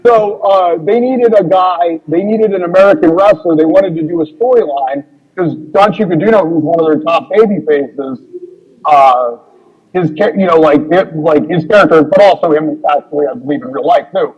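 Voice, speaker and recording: A man's voice: fairly high pitch, moderate pace, breathy edge, muffled recording. A man, a guest wrestler in a casual interview, rambling through a road story with many fillers and acted-out dialogue.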